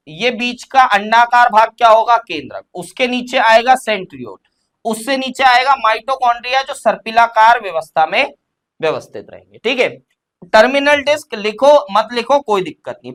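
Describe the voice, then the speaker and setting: A man's voice: extremely high pitch, fairly bright tone. A young man teaching an exam-prep lecture, posing questions and answering them himself step by step. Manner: explains step by step, asks and answers his own questions.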